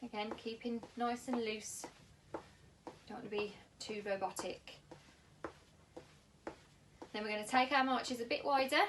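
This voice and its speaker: A woman with a British accent giving exercise instructions in a careful, unhurried way, as a class instructor talking to camera. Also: a little high, steady tone, far from the mic. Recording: clearly noisy room ambience.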